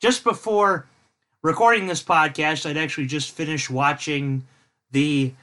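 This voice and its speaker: High, bright-voiced male podcast host. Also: steady tone, measured pace. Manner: rambling, jokey, goes off on tangents. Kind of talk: casual chat.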